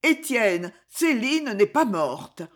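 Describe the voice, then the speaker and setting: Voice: mid-range voice, very animated, a little slow, voice pushed up. A reader of a French novel voicing an old mother who cries out in grief and pleads in a trembling voice. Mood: sorrowful. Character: grieving old mother, a widow's anguish.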